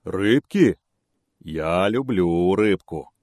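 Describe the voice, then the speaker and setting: Big greedy storybook bear, booming and blustering, done by a man, a bit higher and much louder than his own voice. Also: very animated, moderate pace, no room sound, clean studio sound. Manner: bossy, blustering.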